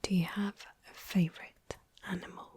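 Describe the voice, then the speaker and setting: A woman whispering softly and gently through an ASMR interview roleplay. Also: lowish voice, level tone. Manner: soft, slow, gentle whispering. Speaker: ASMR creator.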